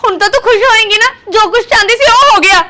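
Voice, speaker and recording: A woman's voice: extremely high pitch, fast talker, pushed and bright. An actress playing a jealous young wife who taunts her husband's sister with sarcasm. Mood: bitter. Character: jealous, sharp-tongued sister-in-law, a young village wife.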